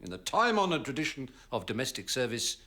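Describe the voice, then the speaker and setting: A man's voice: medium pitch, sing-song, quick pace, bright, forceful tone. A man playing a dignified British head servant, formal and authoritative. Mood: commanding. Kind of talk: film comedy-drama acting.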